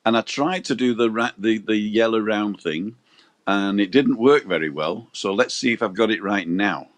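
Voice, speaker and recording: Reading viewer comments and cracking jokes, this man co-hosts a casual livestream from a balcony outside. He has a fairly low pitch and keeps a moderate pace.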